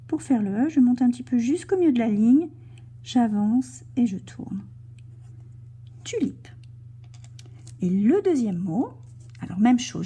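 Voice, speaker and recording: Guiding young children through a cursive lesson, this teacher talks slowly and gently through every stroke, slipping into soft whispers as she writes. Her voice sits fairly high yet sounds very mellow and dark, strongly breathy and husky.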